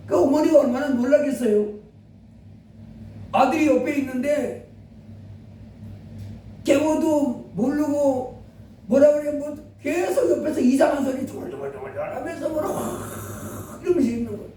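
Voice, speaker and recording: A man preaches, telling a story and acting out the people in it with animated quoted lines. His voice sits high yet mellow, picked up from a distance in a strongly echoing room. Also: normal speed, pauses often, slight background noise. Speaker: pastor. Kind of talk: sermon storytelling.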